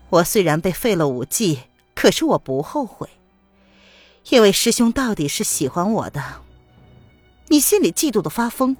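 A woman's voice: mid-range voice, dry recording. A woman voicing a bitter, crippled woman martial artist who jeers defiantly at her rival. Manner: scornful, jeering.

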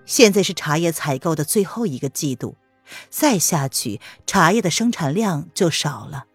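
A woman narrating a palace romance novel as an audiobook, in an expressive storytelling manner. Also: low-pitched, normal speed, breathy edge, no room sound, soft background music.

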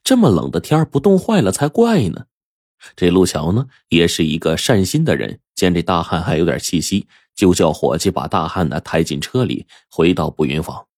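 Deep husky male storyteller. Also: moderate pace, no echo, studio quality. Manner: lively, expressive, colloquial. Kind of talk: traditional storytelling narration.

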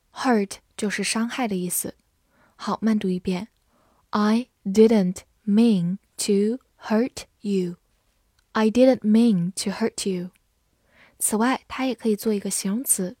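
A woman teaching an English vocabulary lesson, spelling words letter by letter and reading example sentences slowly. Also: medium pitch, mellow, husky, no room sound, studio quality. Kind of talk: vocabulary lesson with slow read-alongs.

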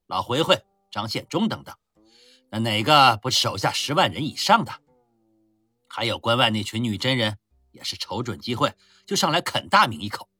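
A man voicing a boastful, hard-drinking Ming army general who talks loudly and scornfully. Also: medium pitch, breathy edge, no room sound, studio quality, full character voice. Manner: loud, swaggering, scornful.

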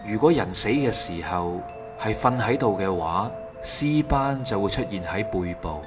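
A man's voice: on the low side, expressive, a little slow. A man with a Hong Kong Cantonese accent reads scripted true crime narration in a factual, methodical manner. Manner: factual, methodical recounting of case details. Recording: music behind the voice. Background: background music.

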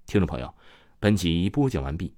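A man's voice: sits low, big pitch swings, fairly quick, dark tone, no room sound, clean studio sound. A man narrating a horror story with dramatic, suspenseful pacing.

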